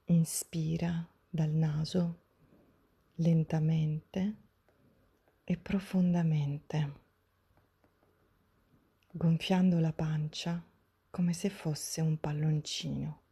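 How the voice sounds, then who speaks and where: A woman softly whispering a guided breathing meditation, gentle and soothing, step by step with long pauses, in a breathy, hushed spa-like voice. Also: low voice, steady tone. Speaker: guided breathing and relaxation instructor.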